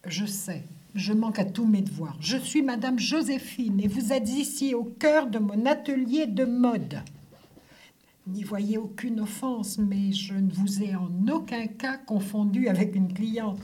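A woman's voice: mid-range voice, unhurried, mellow, husky. A woman voicing a refined, effusive milliner in a storybook reading, speaking in a formal, polished and courteous way. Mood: gracious.

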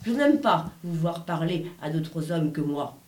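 A woman voicing a cold, arrogant rich man with a lowered, grave voice who speaks in smug, suggestive tones, in a spoken story. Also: expressive, unhurried, a little mellow. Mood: seductive. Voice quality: low, grave voice. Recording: roomy echo.

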